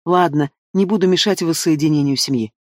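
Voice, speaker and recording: A man's voice: a little high, a little fast, no room sound, studio quality, natural voice. A man doing a falsely sweet dragon queen. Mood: fake sweet. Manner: sweetly condescending. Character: fake-friendly dragon woman ruler, scheming.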